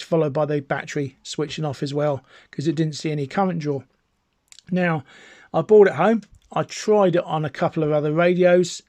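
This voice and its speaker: A British amateur radio enthusiast with a slightly high, somewhat mellow voice presents a video, recorded dry with almost no room sound and no echo. He rambles in an informal, chatty way, like an eager hobbyist demonstrating a product to camera at home.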